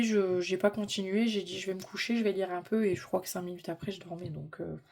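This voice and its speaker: A woman's voice: medium pitch, warm tone. A middle-aged woman chatting casually in a hobby vlog, informal and rambling as she thinks aloud. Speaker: vlogger.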